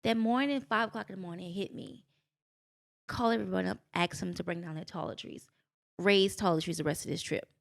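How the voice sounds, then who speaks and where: Lively woman telling her story. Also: fairly quick, vocal fry. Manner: animated storytelling, jumps into high voices for quotes. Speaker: guest. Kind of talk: casual podcast conversation.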